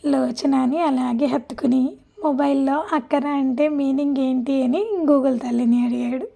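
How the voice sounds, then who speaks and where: A woman narrates a romance audiobook with a high, mellow voice. She reads gently and unhurriedly. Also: flat delivery, moderate pace, vocal fry. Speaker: storyteller. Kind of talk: read-aloud romance narration.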